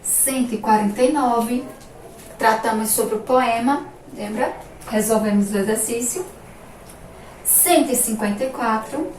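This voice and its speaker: A Brazilian woman teacher giving a remote lesson to young children, drawing out each word slowly as she pronounces it. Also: on the high side, darkish tone, slight background noise. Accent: Brazilian Portuguese. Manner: slow, drawn-out pronunciation of words for children. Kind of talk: remote primary-school lesson. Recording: echoey room, voice from a distance.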